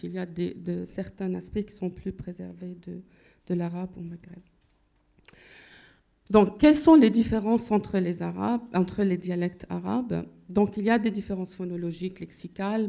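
Gravelly-voiced woman lecturing on linguistics. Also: lowish voice, normal speed, dark tone. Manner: explanatory, thinks aloud while searching for terms.

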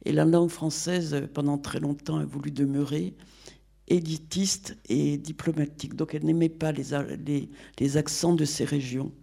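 Male panelist, slightly higher voice, mellow, opinionated. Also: steady tone, moderate pace, vocal fry. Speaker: panel guest. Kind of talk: panel discussion.

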